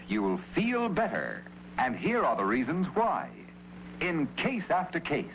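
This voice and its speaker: A man announcing a vintage cigarette commercial, played from an old archive ad on a worn tape copy. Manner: emphatic, sing-song pitch, drawn-out delivery. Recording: muffled worn tape with hum.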